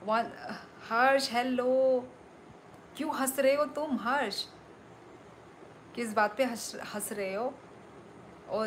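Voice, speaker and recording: A woman hosting a live stream, talking slowly and unhurriedly as she answers her viewers. She reads out their messages and breaks into exclamations. A faint hiss of noise sits underneath. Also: medium pitch. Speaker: livestream host.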